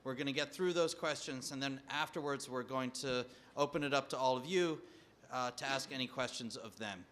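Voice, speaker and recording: Bright-voiced man moderating a panel. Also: mid-range voice, moderate pace. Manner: conversational, with many fillers. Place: conference hall.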